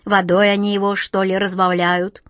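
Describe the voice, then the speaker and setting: A woman voicing a chatty, cheeky pet tomcat in a storybook reading, sounding carefree, higher and louder than her narration. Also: little pitch movement, moderate pace, no echo, studio quality, natural voice.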